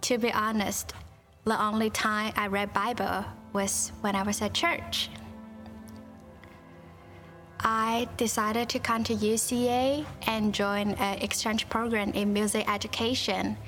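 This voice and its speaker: Slow, sincere young Taiwanese woman. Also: mid-range voice, flat delivery, fairly bright tone, faint music behind. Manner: sincere, unhurried, simple phrasing. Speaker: student giving testimony. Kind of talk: personal testimony video.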